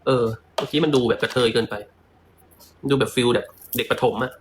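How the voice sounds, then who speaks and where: A man's voice: mid-range voice, fairly quick, noisy background. A man chatting sassily on a livestream while selling lipstick, with theatrical asides. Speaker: livestream seller. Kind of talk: casual livestream sales chat.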